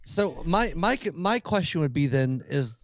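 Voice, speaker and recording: A man's voice: fairly high pitch, sing-song, measured pace, dry recording, clean studio sound. A man talking bluntly and swearing in casual podcast banter with friends. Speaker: podcast guest.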